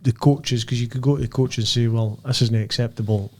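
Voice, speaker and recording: A man's voice: medium pitch, fairly even intonation, fairly quick, a little mellow. Scottish man in casual podcast banter. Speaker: podcast co-host; amateur football referee.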